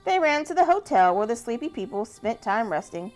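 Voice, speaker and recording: A woman reads a children's story aloud in a bright, higher voice that swings up and down with lively expression. Her gentle, animated storytime delivery has faint music underneath. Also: brisk.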